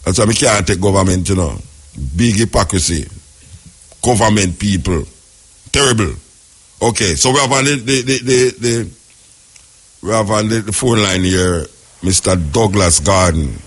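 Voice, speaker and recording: Man, Jamaican accent, radio host, husky voice, rambling and opinionated. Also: lowish voice, normal speed, long pauses. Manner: opinionated, rambling, repeats words. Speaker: radio talk show host. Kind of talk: radio call-in talk.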